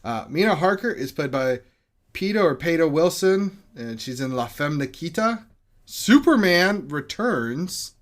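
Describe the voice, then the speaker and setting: A man's voice: on the high side, big pitch swings, measured pace. Man, podcast co-host, casual movie chat, rambling, swears freely.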